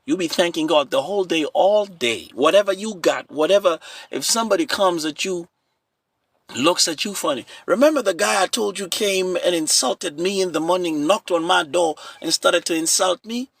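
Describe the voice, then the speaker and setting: A man preaching a sermon in a dramatic style, swinging between shouted points and hushed prayer. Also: sits high, normal speed, creaky, no echo.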